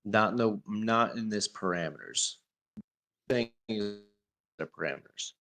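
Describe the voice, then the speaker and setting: A man with a fairly low voice chats casually as a podcast co-host over an online call. His connection breaks up, so words end choppy and cut off mid-sentence. He rambles and lets his thoughts trail off. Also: animated, a little slow, fairly bright tone. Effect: choppy online call audio cutting out mid-word. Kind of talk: casual chat.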